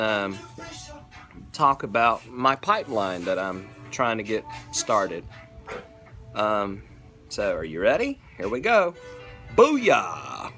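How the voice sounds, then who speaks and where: A middle-aged man with an American accent talks in an easy, folksy vlog style at a medium pitch. He sounds laid-back and informal, speaking to a camera at arm's length on a porch. A radio plays music softly behind him. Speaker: pipe maker and video host. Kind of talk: casual vlog chat. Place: covered porch outdoors. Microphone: camera or phone at arm's length. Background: local radio playing music.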